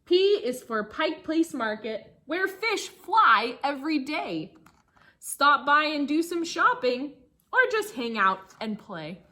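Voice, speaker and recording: In a high-pitched, very animated voice with a sharp tone, a woman teacher chants her way through a rhyming picture book for children. She pauses for quick asides aimed at her listeners.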